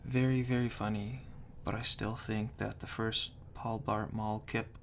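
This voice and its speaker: At a measured pace, a man softly whispers review readings and wry comments, binaural ASMR style, keeping a dry, tongue-in-cheek deadpan. A breathy whisper and gentle low murmur come through a binaural mic placed right at the ears, with faint noise.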